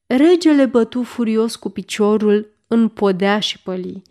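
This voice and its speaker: A woman narrates a historical adventure novel in audiobook form. Her reading is measured and expressive, giving each scene its weight. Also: on the high side. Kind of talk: scripted narration.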